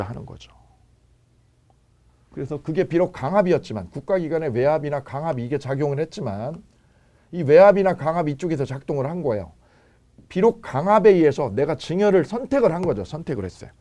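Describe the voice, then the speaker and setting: A man's voice: a little high, darkish tone. A man teaching a law lecture for exam prep, firing rhetorical questions and repeating key phrases.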